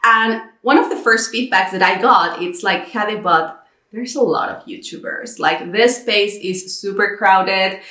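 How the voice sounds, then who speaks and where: Recorded with a roomy echo, this YouTube content creator, a thirty-year-old woman from Mexico, recounts her own story vlog-style, voicing her inner monologue in a lively way. She speaks unhurriedly in a mid-range voice.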